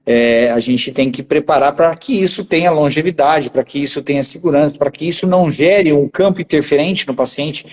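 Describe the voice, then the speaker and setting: A man's voice: a little high, normal speed, few pauses, darkish tone. A man speaking as a guest dentist in a casual conversation, explaining steadily and ending many phrases with a tag question.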